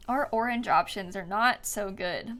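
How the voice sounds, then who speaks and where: With a mid-range, fairly bright voice, a young female game streamer talks casually and informally to her live audience, giggling as she goes. Music and typing can be heard in the background.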